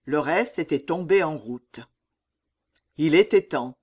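A narrator reading a historical novel in a measured, dramatic way. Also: mid-range voice, expressive, darkish tone, slightly rough. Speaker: audiobook narrator.

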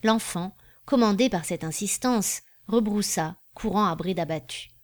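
A woman narrating a classic novel as an audiobook reader, in a measured, even storytelling manner. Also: medium pitch.

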